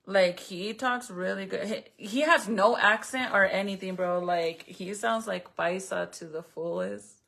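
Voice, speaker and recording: Her mid-range voice is slightly bright, with vocal fry, fairly even intonation, and an unhurried pace. A native Spanish speaker, she vlogs over a craft project, chatting casually and bluntly with viewers and commenters and not shy about profanity.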